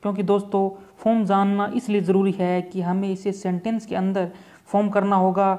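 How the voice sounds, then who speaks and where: A man teaching an exam-prep vocabulary lesson, explaining each word slowly and repeating points, with English terms mixed into Hindi. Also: high-pitched, little pitch movement, warm tone.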